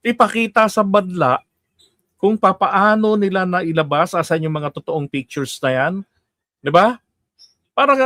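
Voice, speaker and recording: A man's voice: high-pitched, a bit bright, no echo, studio quality. A middle-aged man from the Philippines giving casual political commentary as host, chatty, often laughing and asking his listeners to agree.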